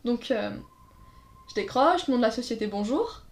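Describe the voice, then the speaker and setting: A woman's voice: on the high side, animated, moderate pace. A woman telling casual anecdotes in a chat, acting out quotes and laughing along. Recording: roomy echo.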